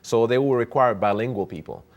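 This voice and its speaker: A man, a cinematographer guest chatting casually in an interview, animated and often restarting and repeating words. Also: medium pitch, a little fast, dull audio.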